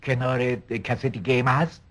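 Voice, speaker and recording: An actor playing a pushy male psychiatrist who keeps pressing his patient with insistent, coaxing questions, in a raspy voice. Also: mid-range voice, fairly even intonation, slight background noise, natural voice. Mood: probing.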